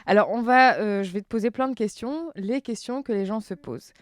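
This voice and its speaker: A woman hosting a podcast and asking a guest a run of friendly, brisk questions. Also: a little high, no room sound. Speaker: podcast host. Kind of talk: interview hosting.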